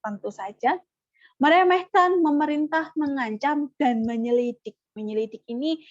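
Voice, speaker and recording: A woman leading an online parenting workshop, animated and acting out parent-child dialogues. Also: high-pitched, moderate pace, no room sound, muffled recording. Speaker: parenting trainer.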